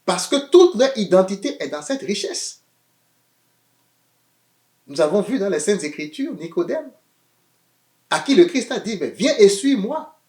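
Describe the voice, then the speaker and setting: Preaching in an echoey room, a man whose voice sits high keeps a measured pace with long pauses. His sermon is animated, shifting between loud emphatic phrases and quiet asides, and he repeats words as he searches for them.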